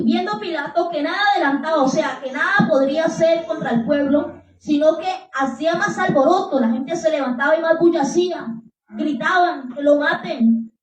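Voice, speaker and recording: A woman preaches a sermon, retelling scripture dramatically and turning to her listeners with asides. Her voice is high. She sounds far from the mic, in a room with strong echo. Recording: echoey room, distant mic.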